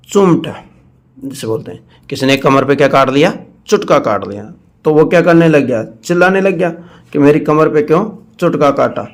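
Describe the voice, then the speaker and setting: A male teacher, giving a mnemonic lesson and asking students questions, then slowly drawing out the answers himself. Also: fairly high pitch. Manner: call-and-response questioning, drawn-out repeated answers.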